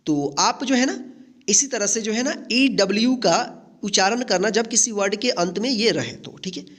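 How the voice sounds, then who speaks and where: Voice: mid-range voice, expressive, moderate pace, a bit bright. A teacher giving a patient English pronunciation lesson, spelling words out letter by letter, asking how to read them and restating each rule. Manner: keeps checking in with "ठीक है?".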